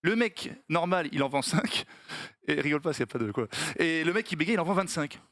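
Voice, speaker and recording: A man's voice: a little high, lively intonation, a bit bright, no echo, clean studio sound. A man telling a joke to his friends on a chat show. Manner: joking, slows down to narrate. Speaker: show regular.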